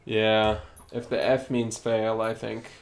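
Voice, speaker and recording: A man's voice: fairly low pitch, completely flat delivery, slow. A man live-streaming as a game developer, explaining in a casual way and thinking aloud while he works.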